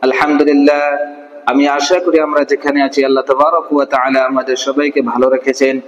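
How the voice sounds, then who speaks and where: A man's voice: medium pitch, flat delivery, echoey room, long reverb tail, highs cut off. A man teaching a Quran reading class, asking and answering his own questions and drawing out verses syllable by syllable. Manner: question-and-answer drilling, slow syllable-by-syllable recitation. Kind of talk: online Quran recitation class.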